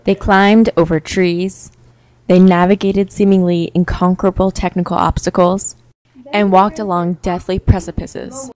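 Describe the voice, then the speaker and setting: A young woman narrating a mock-epic tale in a wry, deadpan storytelling manner. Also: on the low side, unhurried, rough recording. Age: young adult.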